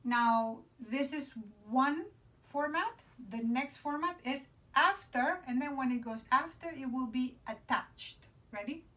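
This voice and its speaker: A woman's voice: high-pitched, slow, a bit bright. A woman teaching a grammar lesson at a board, explaining patiently and checking in with "okay?" after each point. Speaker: Spanish teacher. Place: indoors beside a whiteboard.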